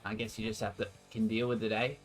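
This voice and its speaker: A man's voice: fairly low pitch, flat delivery, quick pace, faint music behind. An Australian man casting esports and chatting casually with his stream viewers, energetically hyping them up. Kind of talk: casual stream chat and play-by-play commentary.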